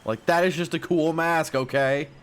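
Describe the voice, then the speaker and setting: Man, gaming vlogger, self-deprecating rambler, morning voice cracking, slightly high voice. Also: fairly even intonation, moderate pace, smooth. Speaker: gaming YouTuber. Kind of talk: casual gameplay commentary. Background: faint music stream.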